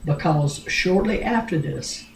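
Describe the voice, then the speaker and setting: An older grandmother telling a family story in a rambling, blunt way, with many pauses and restarts. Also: low voice, lively intonation, gravelly, slight background noise. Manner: blunt, earthy, with mild swearing. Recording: roomy home recording.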